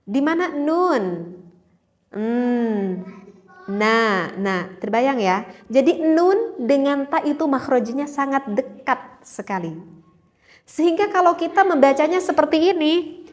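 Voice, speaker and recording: Slow, high-voiced woman teaching recitation. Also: lively intonation. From Indonesia. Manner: slow, patient, demonstrates sounds by repeating them. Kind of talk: tajweed lesson for home learners.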